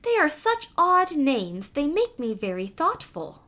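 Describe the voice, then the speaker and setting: A small, naive storybook mouse played by a woman, high in pitch and swooping with wonder. She is trusting and curious, with an anxious, earnest edge to her exclamations. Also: wildly swooping pitch, unhurried, sharp tone, heavily acted. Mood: astonished, troubled.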